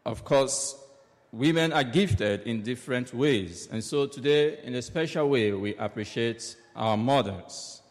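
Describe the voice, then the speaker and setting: Man, preacher at Mass, slow solemn delivery, cathedral echo, long church reverb. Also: mid-range voice. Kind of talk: gospel reading and homily. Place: large church.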